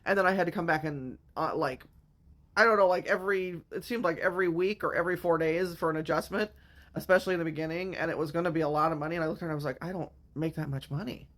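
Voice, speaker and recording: A woman's voice: fairly low pitch, rapid-fire. A woman in her fifties from the Midwestern United States, telling a personal story to camera in a candid, emotional and blunt way, with some swearing. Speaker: vlogger. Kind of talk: casual storytime monologue.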